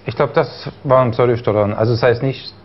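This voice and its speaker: A young East German man appears as a guest in a studio talk show interview, his medium-pitched voice steady and brisk. He stutters occasionally and fills his speech with fillers and restarts, all on dull broadcast audio with faint noise.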